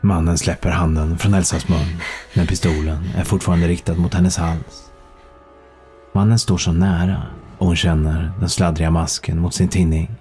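A man narrating a thriller audiobook in a calm, measured storytelling manner. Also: sits low.

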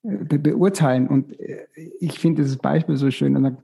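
Gravelly, husky man giving casting advice. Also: mid-range voice, moderate pace, dark tone. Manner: reflective, gives practical advice with many restarts. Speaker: casting director. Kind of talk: casual expert discussion.

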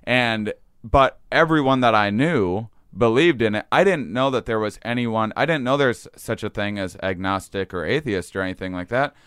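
Male podcast guest, Wisconsin accent, smooth clear tone, candid and self-deprecating, casual storytelling, close dry sound. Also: lowish voice, moderate pace, few pauses, fairly bright tone, dry recording. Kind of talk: casual conversation, personal reminiscing.

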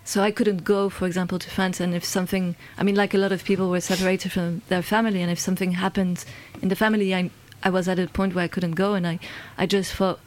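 Hesitant, reflective woman speaking flatly. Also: fairly low pitch, fast, few pauses. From London. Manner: hesitant, with frequent fillers and restarts. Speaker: guest. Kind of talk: conversational interview.

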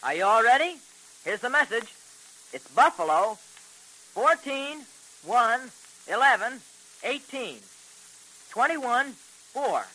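A male actor playing an eager, excitable American boy sidekick in an old radio serial, earnest and exclamatory. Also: very high-pitched, takes it slowly, pauses often, exaggerated voice, low-quality recording. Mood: earnest, official. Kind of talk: 1940s radio serial acting.

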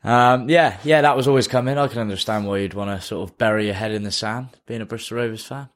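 Bloke in jokey podcast chat. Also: male voice, lowish voice, fast. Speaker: podcast co-host. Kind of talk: casual bantering sports podcast chat.

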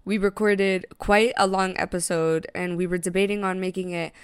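A woman's voice: lowish voice, steady tone, moderate pace, clear, resonant tone, no echo. A young woman with a mid-range voice hosts a casual podcast in a dry, close space. She is slangy, playful and irreverent as she chats. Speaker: podcast host. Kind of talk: casual chat.

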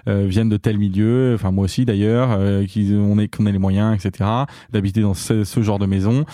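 A man from France, a company founder, talking casually in an interview, pausing often with fillers and restarts. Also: on the low side, dark tone, dry recording, clean studio sound. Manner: hesitant, many fillers and restarts.

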